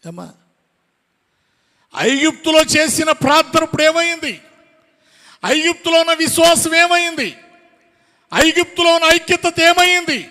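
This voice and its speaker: A man preaching an impassioned sermon to his congregation, firing off rhetorical questions and breaking into shouts. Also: very high-pitched, normal speed, long pauses. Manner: addresses the congregation directly. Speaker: pastor. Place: church hall with congregation. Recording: long hall reverb.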